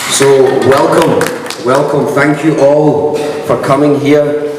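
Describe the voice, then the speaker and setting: A man's voice: mid-range voice, fairly even intonation, takes it slowly. A man with a broad Scottish accent giving an informal, self-deprecating promotional speech as the host of a live event. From Scotland. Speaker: whisky brand ambassador, event host. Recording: echoey hall, distant mic, noisy room.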